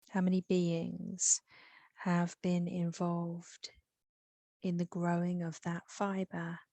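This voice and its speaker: In a soothing, unhurried English accent, a woman guides a meditation, leaving long pauses between phrases. Her voice is mellow and on the low side, captured in a dry recording.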